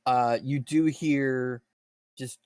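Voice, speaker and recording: A man narrating as dungeon master in a live-streamed tabletop game, talking in halting bursts full of fillers and restarts. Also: medium pitch, steady tone, darkish tone, no room sound.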